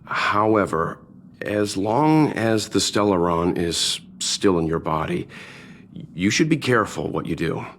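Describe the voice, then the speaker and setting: A man voicing a calm, older-sounding game character who speaks in a measured, reassuring way. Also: sits low, slight background noise, exaggerated voice. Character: calm, older-sounding male doctor-like passenger.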